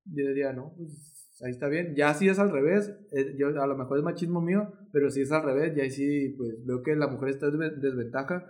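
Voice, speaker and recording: A man with a Mexican Spanish accent telling a story in casual conversation, relaxed and hesitant. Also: medium pitch, quick pace, few pauses. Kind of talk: casual chat.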